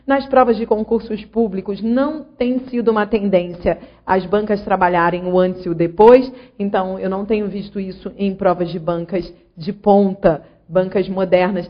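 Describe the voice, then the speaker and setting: A teacher gives an online grammar lesson, explaining the rules in a didactic way and checking in directly with the student as she goes. Her medium-pitched voice is steady, at normal speed with hardly any pauses, and the sound is lo-fi.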